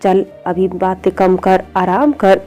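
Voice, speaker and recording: A woman voicing a loving mother who comforts and gently scolds her grown son. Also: mid-range voice, flat delivery, slow, faint music behind, natural voice. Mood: tender.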